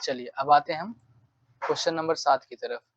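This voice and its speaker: A man's voice: a little high, brisk, no room sound. Repetitive male tutor, dull dry recording. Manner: repetitive, drills phrases over and over; acts out angry demands while explaining. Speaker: teacher. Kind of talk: exam-prep vocabulary lesson.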